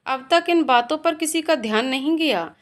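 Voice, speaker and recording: Woman telling an emotional story, higher voice. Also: normal speed. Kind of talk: scripted narration.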